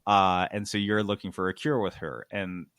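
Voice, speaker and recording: Studio-quality audio with no room sound captures a man hosting a gaming podcast, whose low, fairly bright voice moves at a normal speed with fairly even intonation. He breaks down game industry news casually and comically, with emphasis, sarcasm and plenty of swearing.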